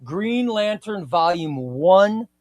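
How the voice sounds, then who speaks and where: Guy in his 50s gushing about comics on a stream, kinda high voice, rambles n repeats stuff. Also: animated, takes it slowly, a little mellow, no echo, highs cut off. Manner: enthusiastic, rambling, repeats himself. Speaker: comic book livestream host. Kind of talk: casual livestream chat reading viewer comments.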